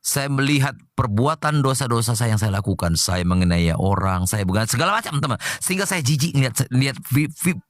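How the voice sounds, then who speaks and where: A man from Jambi, Indonesia, giving an emotional personal testimony in church, animated and often turning to his listeners as friends. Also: medium pitch, fairly quick, hardly any pauses, no room sound, clean studio sound.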